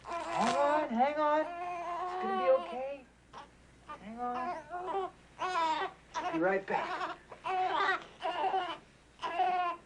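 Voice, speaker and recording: A man's voice: very high voice, very slow, long pauses, exaggerated voice. A teenage actor playing an overwhelmed boy who has become a young father, pleading and near tears, in a 1980s TV drama. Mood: frantic. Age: teens. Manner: pleading, then frantic and near tears with a crying baby. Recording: noisy old TV broadcast audio.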